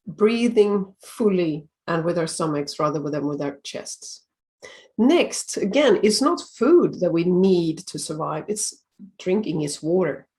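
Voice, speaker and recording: A woman from Sweden with a noticeable Swedish accent gives everyday lifestyle advice to the camera. Her delivery is calm and measured, and she slows down to stress the important points. She sounds middle-aged and is recorded close to the mic. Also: lowish voice. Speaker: time-management coach. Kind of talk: video tip talk.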